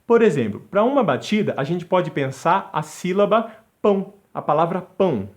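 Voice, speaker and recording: A man's voice: high voice, expressive, moderate pace. A man teaching a music lesson, counting beats aloud and chanting syllables along with a metronome. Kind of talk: instructional video lesson.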